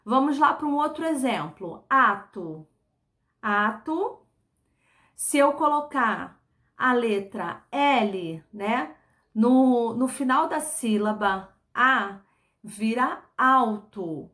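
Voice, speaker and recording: A Brazilian woman teaching a recorded lesson to young pupils, taking her time over every word. She repeats each example syllable by syllable and keeps checking in with her class. Her voice sits a little high, and she never rushes. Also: lively intonation, fairly bright tone. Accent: Brazilian Portuguese. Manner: slow, patient, repeats words and syllables, frequent tag questions. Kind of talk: recorded online class for children.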